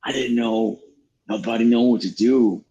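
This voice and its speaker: Profane, animated storytelling man. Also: mid-range voice, normal speed, lo-fi sound, a little hiss or hum. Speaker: podcast guest. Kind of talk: casual storytelling.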